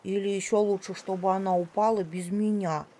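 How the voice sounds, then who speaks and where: A woman voicing a timid, shy baby elephant boy who speaks slowly with sighs. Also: medium pitch, fairly even intonation, mellow, lightly acted. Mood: shy, worried. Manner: slow, sighing, drawn-out.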